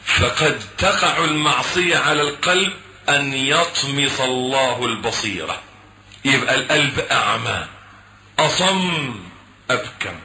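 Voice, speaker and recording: Egyptian guy preaching, super bright voice, pitch jumps all over, echoey room with faint hum. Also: unhurried. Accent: Egyptian Arabic. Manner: animated storytelling, acts out dialogue, swings from hushed to shouted. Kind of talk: sermon.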